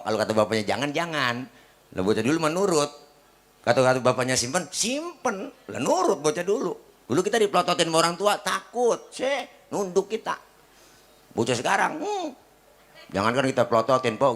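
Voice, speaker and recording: A man's voice: medium pitch, fairly bright tone. A man with a Betawi accent giving a comic sermon, teasing and joking with the crowd in slangy talk. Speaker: preacher. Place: gathering with a live audience. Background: audience laughter.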